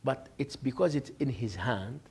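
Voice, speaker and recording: A man's voice: mid-range voice, moderate pace, creaky, breathy edge. A man, a sheikh giving an informal religious lesson, telling stories, joking and laughing, and acting out dialogue. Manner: conversational, jokes and laughs, acts out dialogue.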